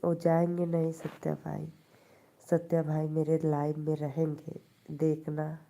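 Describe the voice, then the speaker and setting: A woman's voice: sits low, completely flat delivery, a little slow, creaky, mellow. A woman with an Awadhi accent hosting a live stream, chatting casually with viewers, teasing them and laughing often.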